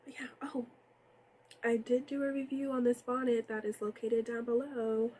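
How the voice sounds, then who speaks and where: A woman's voice: fairly high pitch, fairly even intonation, normal speed, mellow, slight background noise, rough recording. A woman hosting a casual TV recap, outspoken and exasperated, with a nasal, stuffy voice and sniffles. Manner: outspoken, exasperated, talks straight to viewers. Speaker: TV recap host.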